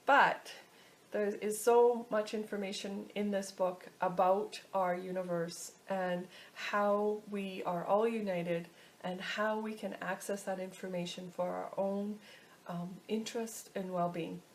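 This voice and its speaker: A woman casually teaching a step-by-step technique, often pausing to search for her words. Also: mid-range voice, fairly even intonation. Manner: halting, searching for words as she explains. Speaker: instructor teaching a pendulum technique. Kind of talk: casual instructional video talk.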